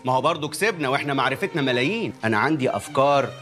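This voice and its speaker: An actor playing a persuasive swindler with an Egyptian Arabic accent, talking a victim down. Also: male voice, mid-range voice, lively intonation, racing, fairly bright tone, soft background music, close to an everyday voice. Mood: coaxing. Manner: soothing, persuasive. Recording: film score underneath.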